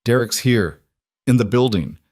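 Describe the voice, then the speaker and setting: A man's voice: mid-range voice, expressive, a little slow, darkish tone, dry recording, clean studio sound. A man voicing a frightened young woman who pleads desperately.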